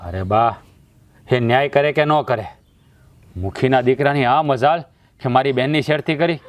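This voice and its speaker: A man's voice: mid-range voice, moderate pace, dry recording, lightly acted. An actor playing a hot-tempered young village man who protects his sister, speaking angrily in a village family drama. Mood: furious. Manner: angry, heated. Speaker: protective brother.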